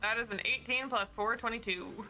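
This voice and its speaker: A woman's voice: on the high side, normal speed, pushed and bright, faint music behind, rough recording. A woman playing a tabletop role-playing game, describing her moves bluntly and swearing casually. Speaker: player.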